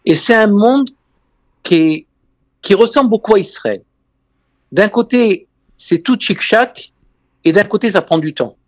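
His voice sits high and expressive, a little slow with long pauses, in a dry recording. He is an interview guest who works in real estate and tourism, chatting about his travels in French with a foreign Israeli accent and hammering home key phrases through repetition.

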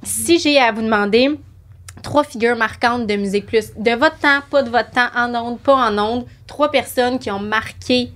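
A woman with a Québécois accent hosting a casual chat and telling stories in a lively way. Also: fairly high pitch, moderate pace. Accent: Québécois French. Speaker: host.

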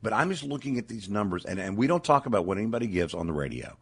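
An earnest man with a gravelly voice talking off the cuff on live radio, halting yet emphatic. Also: fairly low pitch, very animated. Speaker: radio fundraiser speaker. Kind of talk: unscripted live radio talk.

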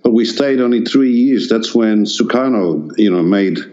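The speaker is an artist guest, an older man from the Netherlands whose first language is Dutch. He responds to an interviewer haltingly, often restarting and using fillers, in a warm, lowish voice at a moderate pace, captured in muffled audio.

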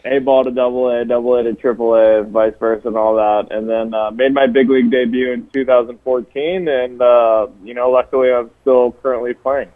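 A man's voice: mid-range voice, flat delivery, a little fast, few pauses. Phone-in guest: casual, self-deprecating man from Hawaii, tinny line. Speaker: phone-in guest, baseball pitcher.

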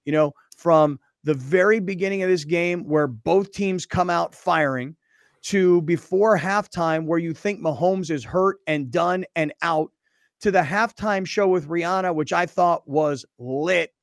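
Casting note: middle-aged male radio host, lively chatty delivery, slightly higher voice, dry close sound. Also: measured pace, no echo. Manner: energetic, conversational. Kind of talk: sports talk radio.

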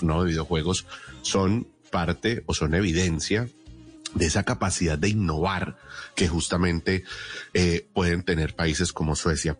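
A man with a Colombian accent hosting a radio programme, explaining things didactically and emphatically with rhetorical questions. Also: low voice. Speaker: radio host. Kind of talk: explanatory radio presenting and interviewing.

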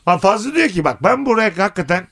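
A man with a high, very lively voice, teasing his friends in loose casual chat. He laughs often and jumps all over his range. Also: fast talker, creaky, a crowd in the background. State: single.

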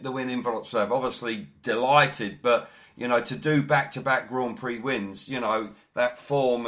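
A male sports interviewer with a medium-pitched voice. He talks conversationally and with enthusiasm. His questions come wrapped in long, wordy recaps of the racing. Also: pushed and bright.

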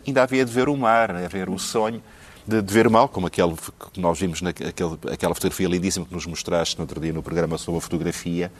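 Deep-voiced Lisbon man, talk show guest, halting delivery full of restarts. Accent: Lisbon Portuguese. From Lisbon, Portugal. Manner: hesitant, many repeated words and fillers. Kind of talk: casual talk show conversation.

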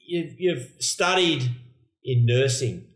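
A man's voice: medium pitch, slow pace, a bit bright, echoey room. An Australian man hosting a podcast, talking with a guest in a friendly, bantering way. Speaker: podcast host. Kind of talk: casual interview chat.

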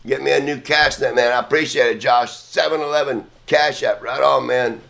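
A man's voice: mid-range voice, steady tone, moderate pace, vocal fry, over loud music. A middle-aged man hosting a casual livestream from an outdoor balcony, rambling offhand and swearing freely. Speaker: livestream host. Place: outdoor balcony near neighbors.

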